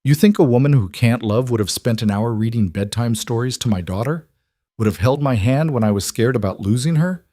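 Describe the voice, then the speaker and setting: Man doing a gentle earnest single dad. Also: medium pitch, a little fast, no room sound, clean studio sound, natural voice. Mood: tender.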